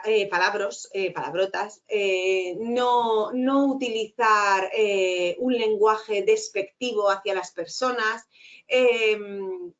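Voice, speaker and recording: A middle-aged woman teacher giving an online lecture, talking fast and tagging her points with quick checks. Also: mid-range voice, dull audio. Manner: fast-talking with frequent "¿vale?" tags.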